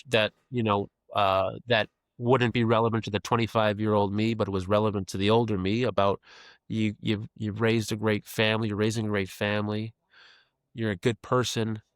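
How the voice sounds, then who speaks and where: Man, 50, podcast guest; low-pitched, dry sound, earnest reflective delivery. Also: flat delivery, moderate pace, a bit bright, dry recording. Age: 50s. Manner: earnest, reflective, repeats phrases while thinking. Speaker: podcast guest, creative executive. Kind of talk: casual reflective interview talk.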